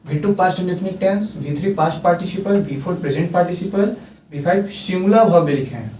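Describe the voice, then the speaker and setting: A young man teaching English grammar as a tutor, repeating terms slowly and stressing how they are pronounced. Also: high voice, darkish tone, slight background noise. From India. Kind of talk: classroom lesson at a board. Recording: echoey room, distant mic, faint crickets.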